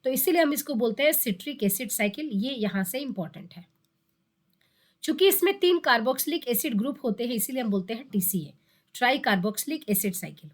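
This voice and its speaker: Expressive and brisk, a biology teacher with a high voice delivers an exam-prep lesson. She goes step by step, repeats terms to drive them home, and asks questions aloud before supplying the answers herself.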